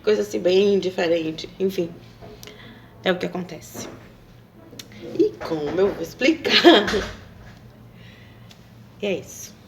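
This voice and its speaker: Woman with a rambling, gravelly voice. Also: on the low side, animated, takes it slowly, long pauses. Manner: rambling, hesitant, full of fillers and tag questions. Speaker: vlogger. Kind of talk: casual monologue to camera.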